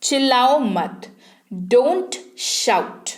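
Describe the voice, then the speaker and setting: A woman teaching an online English speaking class, reading each phrase slowly and repeating it twice for learners to copy. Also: high-pitched, very animated, roomy sound. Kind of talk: spoken English lesson.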